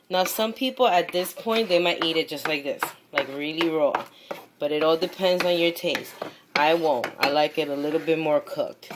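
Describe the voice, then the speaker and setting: Low-voiced woman in a noisy kitchen. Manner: chatty, encouraging, repeats short phrases as she works. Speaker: home cook hosting a cooking video. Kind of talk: casual cooking demonstration. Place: home kitchen at the stove. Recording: noisy kitchen with sizzling and pan clatter. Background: sizzling, stirring, clinking pans.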